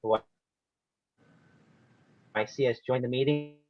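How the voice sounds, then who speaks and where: A man's voice: mid-range voice, fairly even intonation, takes it slowly. A man chairing a meeting on a group video call, courteously thanking one speaker and handing over to the next. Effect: voice heard over a group video call. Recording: dull, dry video-call audio.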